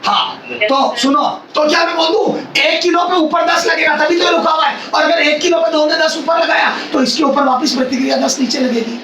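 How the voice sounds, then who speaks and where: Loud high-voiced male physics teacher. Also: normal speed, hardly any pauses. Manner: loud, near-shouting delivery, repeats phrases and quizzes students. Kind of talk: classroom lecture. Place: classroom with students. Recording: echoey classroom, mic far off, faint hiss.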